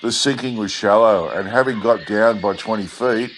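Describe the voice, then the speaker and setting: A man reading a bush adventure story aloud in a laconic, unhurried drawl. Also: lowish voice, low-quality recording. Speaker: audiobook reader. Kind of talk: scripted narration of an old bush adventure story. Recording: clear steady background noise.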